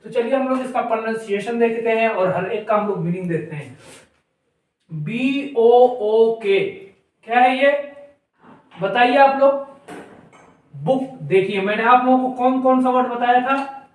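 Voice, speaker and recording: Echoey man teaching phonics. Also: very high voice. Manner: spells words out slowly, letter by letter, louder; asks viewers questions, then answers them. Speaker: English teacher. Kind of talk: phonics lesson to viewers. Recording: very echoey room, voice from a distance.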